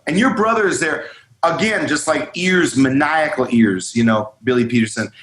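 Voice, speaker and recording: Male interview guest with a slightly high voice, recorded in an echoey room. Chatty, animated, rambling storyteller. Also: moderate pace, slight background noise. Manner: animated, rambling, heavy use of "like" and "you know". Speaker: guest musician, drummer.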